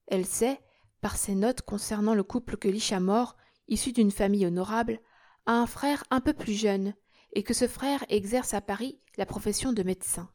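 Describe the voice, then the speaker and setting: A woman narrating a classic novel in a measured, steady storytelling manner. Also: medium pitch, no echo, clean studio sound. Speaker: audiobook narrator.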